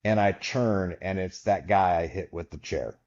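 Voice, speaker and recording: A low-pitched man speaks at an ordinary speed through dull-sounding audio. Appearing as a podcast guest, he tells a lengthy story in a casual manner and performs the quoted voices of the people in it.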